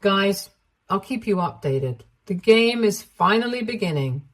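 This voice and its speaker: A woman narrating a first-person drama story in a steady, even way. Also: mid-range voice, unhurried.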